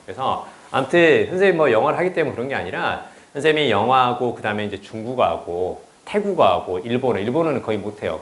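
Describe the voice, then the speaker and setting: A man teaching English in a casual lecture, chatty and blunt, often swearing and checking with students. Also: fairly low pitch. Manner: chatty, blunt and profane, asks students "right?". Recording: roomy echo.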